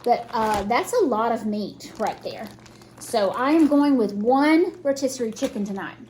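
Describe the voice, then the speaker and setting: A home cook hosting a cooking vlog chats casually in her kitchen, walking through each step in a folksy way as she works, her speech slightly impeded by new dental braces. Her voice is fairly high and animated, with a measured pace and a darkish tone. The recording is rough, with slight background noise.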